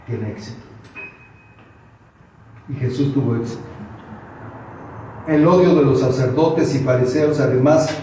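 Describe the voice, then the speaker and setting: A man's voice: medium pitch, background noise. A man preaching a sermon in a church hall, urging his listeners on with many rhetorical questions. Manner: exhorting, full of rhetorical questions. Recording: echoey hall from far off.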